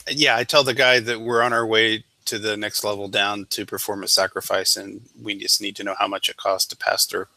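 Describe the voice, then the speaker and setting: Sharp, bright man with some creak. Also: fairly low pitch, little pitch movement, brisk, few pauses. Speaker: player in a tabletop game. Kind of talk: casual tabletop game chat.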